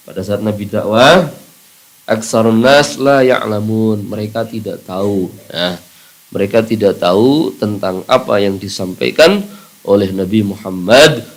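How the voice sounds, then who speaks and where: A man's voice: on the low side, gravelly. A man giving a Quran commentary lesson, with many "ya" and "nah" fillers and rising emphatic questions. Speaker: Quran teacher at a boarding school.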